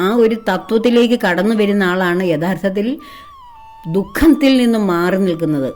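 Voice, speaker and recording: A woman's voice: medium pitch, a little mellow. A woman giving a devotional spiritual talk, asking rhetorical questions in an earnest, persuasive way. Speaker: spiritual speaker.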